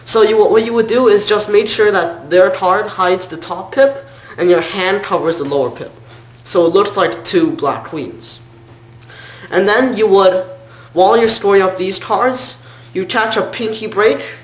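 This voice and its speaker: A man's voice: sits high, a little slow. A man giving an informal step-by-step card trick tutorial as a magician, sometimes correcting himself. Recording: roomy, echoing sound.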